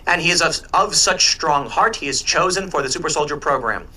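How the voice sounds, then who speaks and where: A man giving earnest, explanatory commentary in a conversational panel-talk style, pausing to find words. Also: fairly high pitch, sharp tone, husky.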